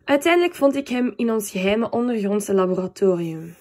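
Expressive woman reading a children's book. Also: mid-range voice, fairly quick. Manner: expressive, with comic timing. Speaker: narrator.

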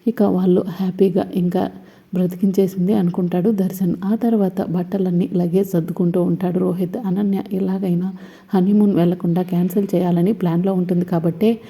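A woman with a low, mellow, dark voice retells a serial episode in an easy, casual flow. Her tone is husky and breathy, and she reads out the characters' lines as she moves the story along. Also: level tone, fairly quick. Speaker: serial recap narrator.

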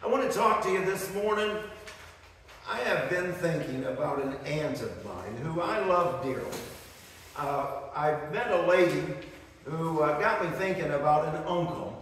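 A middle-aged pastor from the northern United States delivers a fervent sermon at a lectern in an indoor church sanctuary, his voice fairly high, animated, measured and a bit bright. He builds with rising emphasis and adds storytelling asides. A far-off camera picks up the echoey hall along with a little hiss or hum.

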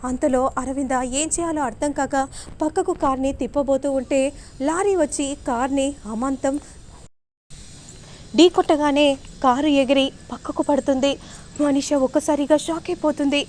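A woman narrating a television serial recap in a steady, repetitive storytelling manner. Her voice is high and clear, with a faint hiss underneath. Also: moderate pace.

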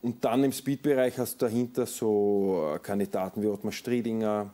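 A middle-aged man talks ski racing on a studio set. His voice sits low and dark. He picks his words with small fillers and repeats. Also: fairly even intonation, normal speed. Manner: conversational, thinks aloud with filler sounds and repeats. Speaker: sports journalist. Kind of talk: studio sports discussion. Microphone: lapel mic.

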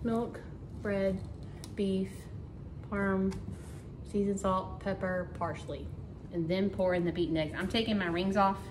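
A woman's voice: medium pitch, fairly even intonation, measured pace, long pauses, background noise. A middle-aged woman chatting casually as she cooks in her home kitchen, thinking aloud as she works. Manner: chatty, talks while working, thinks aloud. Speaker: home cooking vlogger. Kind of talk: casual cook-along narration. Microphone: camera on counter. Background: clatter of dishes and pans.

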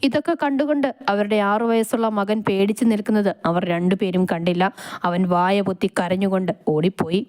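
A woman reading a romance story aloud in a steady, even storytelling manner. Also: medium pitch, fairly quick.

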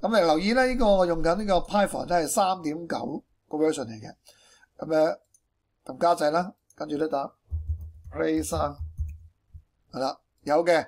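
Hong kong guy doing a casual coding screencast, pretty high voice, drops in english tech words. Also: normal speed, pauses often. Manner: peppers speech with English technical terms. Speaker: programming tutorial presenter. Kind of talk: informal screencast tutorial explanation.

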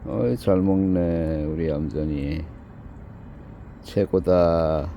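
A man's voice: sits low, steady tone, extremely slow, gravelly, mellow, a little hiss or hum. A man giving casual running commentary outdoors before dawn, chatting, scolding and cooing at animals in turn. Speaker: video host.

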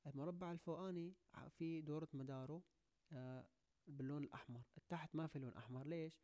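A young man giving a video editing tutorial, talking quickly and constantly checking that the listener is following. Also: on the high side, steady tone, mellow. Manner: rapid, keeps checking in. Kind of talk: screen-recorded tutorial.

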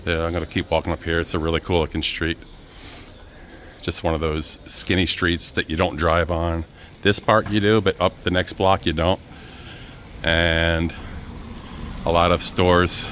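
A man's voice: low voice, little pitch movement, measured pace, pauses often, a bit bright. A man vlogging as he walks through city streets, talking to his viewers in an easygoing, chatty way. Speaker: travel vlogger. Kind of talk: casual walking-tour narration. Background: faint street and traffic noise.

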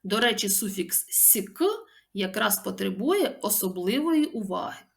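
A woman teacher with an Odesa accent, giving a scripted grammar lesson and stressing each example word slowly and deliberately. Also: medium pitch, lively intonation, gravelly.

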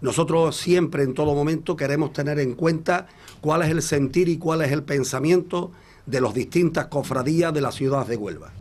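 A man's voice: a little high, moderate pace, a little mellow. A man, speaking formally at a press conference into table microphones. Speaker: council president at a press conference. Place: meeting room press conference.

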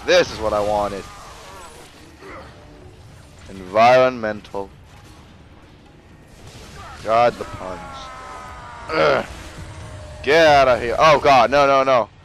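A man giving casual gameplay commentary, excitable and jokey, with frequent exclamations and swearing. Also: mid-range voice, takes it slowly, long pauses, soft background music, low-quality recording. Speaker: gamer narrating a let's play.

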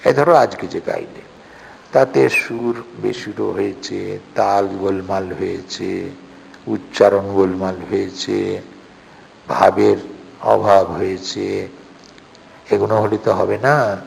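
An older man speaks slowly and earnestly, his voice deeply gravelly. He recites passages, then explains them to young listeners. The recording has a long hall reverb. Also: level tone, darkish tone. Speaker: speaker addressing a youth organization. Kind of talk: spiritual talk with recited passages. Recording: hall reverb, faint background noise.

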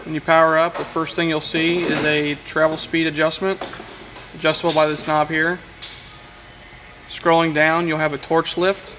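In a workshop, a camera mic captures a welding equipment technician demonstrating a machine's control panel hands-on, speaking matter-of-factly with frequent fillers. His pitch is fairly high, his delivery flat, and his pace moderate, with background noise present.

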